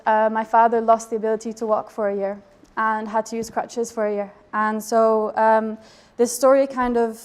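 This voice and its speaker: A woman with a hard-to-place accent that blends English and French gives a thoughtful artist talk. Her voice sits slightly high and stays fairly level, with little rise and fall. She pauses often and fills the gaps with soft ums as she reflects. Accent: indeterminate mix of English and French. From Geneva border area, Switzerland/France. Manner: hesitant, many ums, reflective. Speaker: photographer presenting her residency project.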